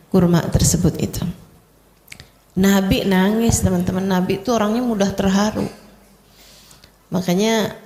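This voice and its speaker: A woman's voice: mid-range voice, mellow. A woman Islamic preacher, giving a religious lecture in casual storytelling speech and addressing her audience directly. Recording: echoey hall with long reverb.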